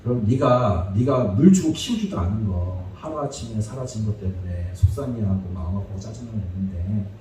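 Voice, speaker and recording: A male preacher voicing God as a calm figure who speaks softly and slowly while gently scolding. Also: on the low side, noisy background, voice pushed down, natural voice. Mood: gently rebuking. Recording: echoey church hall, distant mic.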